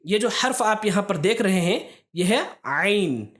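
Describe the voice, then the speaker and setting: A woman's voice: mid-range voice, lively intonation, unhurried. Woman teaching letter pronunciation patiently. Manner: patient, step-by-step explaining with frequent "theek hai" checks. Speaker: Quran recitation teacher. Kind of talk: explaining a lesson to students.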